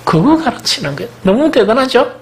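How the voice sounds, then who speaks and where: Animated male pastor with Gyeongsang accent. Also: very high-pitched, brisk. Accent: Gyeongsang Korean. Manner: animated preaching with frequent rhetorical questions to the congregation. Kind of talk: sermon.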